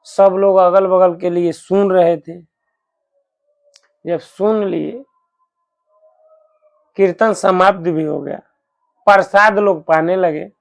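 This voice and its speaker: A man telling a devotional story in a folksy, unhurried sermon style, repeating lines as he goes. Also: high-pitched. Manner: folksy, unhurried, repetitive retelling.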